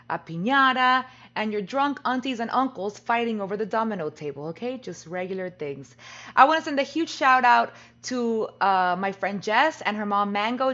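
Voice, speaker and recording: A woman's voice: fairly high pitch, fairly bright tone. Woman host, sassy comic delivery, dull lo-fi audio. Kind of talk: comedic variety-show hosting.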